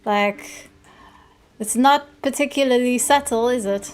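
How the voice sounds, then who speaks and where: Woman game streamer, kinda high voice, casual commentary n reading quests out, faint music behind. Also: measured pace. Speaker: game livestreamer.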